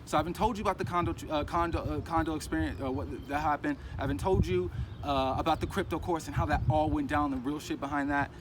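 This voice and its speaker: A man's voice: a little high, fast talker. Man rambling outdoors over street traffic. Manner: rambling, animated, acts out others' lines. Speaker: crypto vlogger. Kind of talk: casual storytelling vlog. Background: traffic noise.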